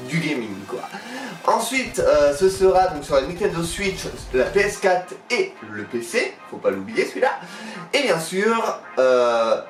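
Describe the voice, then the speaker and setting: Lisping young Frenchman in an echoey room. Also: fairly high pitch. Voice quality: lisp with slushy s sounds from a sore tongue. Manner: animated, playful, swinging emphasis. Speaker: host of a gaming and vlog channel. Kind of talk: casual chatty channel introduction to camera. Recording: roomy echo, distant mic, music behind. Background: music.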